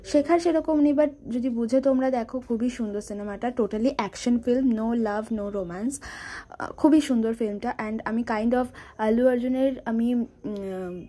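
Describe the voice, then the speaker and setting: Chatty young woman vlogger, mellow voice. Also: a little high. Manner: chatty, mixes English into speech. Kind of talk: casual vlog chat.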